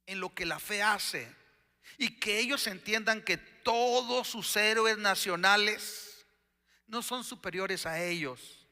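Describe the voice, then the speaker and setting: A man preaching a sermon as pastor, slow and deliberate, with emphatic questions. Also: high-pitched, sharp tone, long reverb tail.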